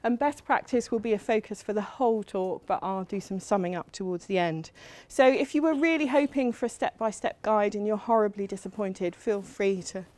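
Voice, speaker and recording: A woman's voice: mid-range voice, fairly quick, hardly any pauses, darkish tone, no room sound. A middle-aged woman from England giving a university lecture in a chatty, self-deprecating way with frequent ums. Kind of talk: academic lecture.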